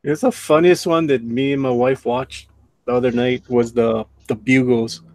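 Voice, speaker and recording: A man's voice: mid-range voice, steady tone, moderate pace, no echo. Casting note: teasing, jokey man, casual stream banter, dry close sound. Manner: teasing, laughs at his own jokes. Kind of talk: casual live-stream chat.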